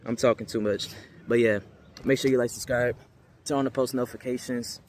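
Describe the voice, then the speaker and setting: Steady and a little mellow, this young American man's medium-pitched voice moves a little fast as he talks unscripted to viewers for his spiritual channel. He rambles in slang and repeats things emphatically, over a clearly noisy background.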